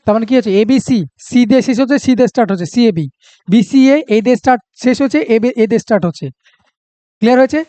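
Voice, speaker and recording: A man's voice: very high-pitched, rapid-fire, dark tone, dry recording. A man with a Bengali accent teaching a reasoning lesson for exam prep, talking through each step aloud and checking that students follow.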